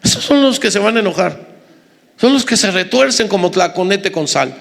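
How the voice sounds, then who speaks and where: Pastor, male, high-pitched, emphatic sermon with humorous asides, long hall reverb. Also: animated, moderate pace, vocal fry, fairly bright tone. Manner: emphatic, repetitive, joking asides to the congregation. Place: church hall with congregation.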